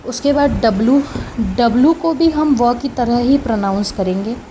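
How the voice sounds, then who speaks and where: A woman's voice: a little high, unhurried, warm tone, a little hiss or hum, rough recording. A woman teaching phonics in a casual spoken lesson, saying each sound several times over.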